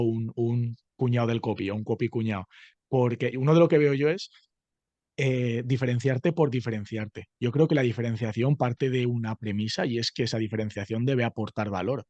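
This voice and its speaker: A man's voice: medium pitch, darkish tone, no echo, muffled recording. A man hosts a podcast interview with a mid-range voice. The recording is dry and close, with no room sound. He asks long, reflective questions and sets out his own view before turning it over to his guest. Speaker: podcast host.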